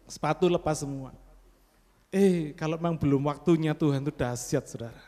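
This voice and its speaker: Brief: male preacher, higher-pitched voice, dramatic storyteller, long hall reverb. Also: a little fast. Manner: dramatic storytelling with sudden loud exclamations; repeatedly addresses the congregation. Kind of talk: sermon.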